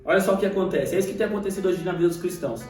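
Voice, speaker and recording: A young man with a Brazilian Portuguese accent giving a casual, animated sermon to camera, acting out Bible scenes. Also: high voice, rapid-fire, recorded from a distance. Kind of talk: casual preaching video. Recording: echoey room, voice off-mic, faint music.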